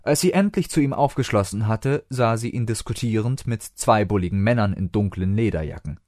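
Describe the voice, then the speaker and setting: A man reading a story aloud in an expressive narrating voice. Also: lowish voice, brisk, no echo, studio quality. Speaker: reader.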